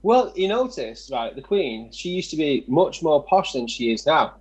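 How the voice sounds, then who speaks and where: A man's voice: on the high side, big pitch swings, a little mellow, slightly rough, poor audio. A man co-hosting a casual livestream, joking along and laughing easily. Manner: jokey, quick to laugh along. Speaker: co-host. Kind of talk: casual chat.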